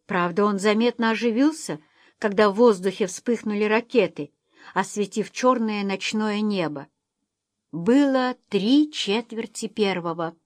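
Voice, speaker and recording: A woman reading a novel aloud in measured, expressive scripted narration. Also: mid-range voice, dry recording, clean studio sound. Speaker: audiobook narrator.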